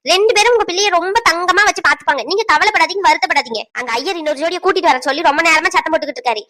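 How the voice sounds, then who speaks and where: A woman voicing a bossy, sharp-tongued middle-aged mother-in-law at a wedding in a cartoon. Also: extremely high pitch, racing. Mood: scolding. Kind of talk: cartoon voice acting, several village figures.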